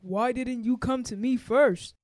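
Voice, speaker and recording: A woman's voice: fairly high pitch, measured pace, a little mellow, no room sound, lightly acted. A woman voicing a stern merman king who defers to his wife, in improvised comedy. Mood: questioning. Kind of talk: improvised comedy role-play.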